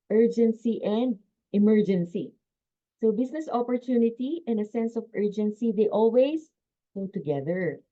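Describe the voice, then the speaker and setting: A woman gives a sales training lecture over a video call, energetic and emphatic, with quick laughs between her points. The call audio is a little dull and muffled. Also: medium pitch.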